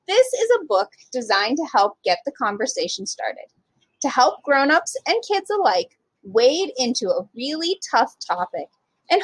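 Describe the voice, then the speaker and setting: As a children's storytime reader, a woman with a high-pitched, husky voice reads a picture book aloud to young kids, her intonation swinging widely and expressively as she speaks directly to her little listeners. The rough recording is dry and close, with no room sound.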